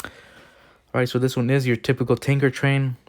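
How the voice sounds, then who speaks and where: A man's voice: medium pitch, little pitch movement, normal speed, dry recording, studio quality. Laid-back man chuckling through reactions. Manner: chuckles often, loose and joking. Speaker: host of a railfan video reaction channel. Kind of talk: casual reaction commentary.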